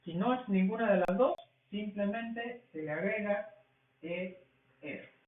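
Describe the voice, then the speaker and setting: A man teaching a language class, explaining rules slowly and asking questions that he answers himself. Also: high-pitched. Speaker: English teacher. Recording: tinny, echoey, from far off the mic.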